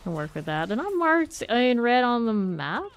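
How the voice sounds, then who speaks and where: Sniffly and congested from a cold, a woman streaming a game thinks aloud in casual, chatty commentary, asking herself questions as she decides what to do. Her voice sits on the high side with a sing-song, resonant tone at a moderate pace, and the sound is clear.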